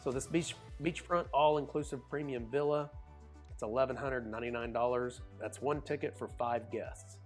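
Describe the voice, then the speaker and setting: Oklahoman man, cruise vlogger, folksy and chatty, mid pitch, faint music behind. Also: steady tone, normal speed. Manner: folksy, chatty, says y'all. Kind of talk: casual screen walkthrough narration.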